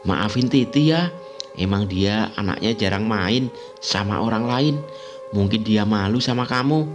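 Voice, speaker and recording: A man voicing a curious, bossy young girl who asks lively questions and scolds her friend, over background music. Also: on the low side, unhurried, natural voice. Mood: questioning. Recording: music playing underneath.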